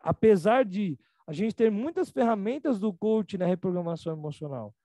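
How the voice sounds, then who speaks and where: A man's voice: lively intonation, normal speed, mellow, no room sound. A man with a Brazilian Portuguese accent teaching a live online class in a casual, slangy way. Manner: casual and slangy, mimics others in a higher voice. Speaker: emotional reprogramming teacher. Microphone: video call.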